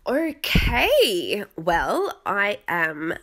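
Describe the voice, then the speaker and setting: A young adult woman hosts a podcast, chatting casually about reality TV in a rambling, self-deprecating, exclamatory way. Her medium-pitched, slightly bright voice swoops wildly in pitch and draws out words, giving a dramatic feel.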